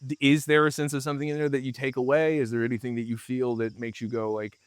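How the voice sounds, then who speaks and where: A man's voice: mid-range voice, flat delivery, fast talker, clean tone, no echo. A man co-hosting a film podcast who asks long, winding questions and keeps interrupting himself. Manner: rambling, self-interrupting questions. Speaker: podcast co-host. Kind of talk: casual film discussion.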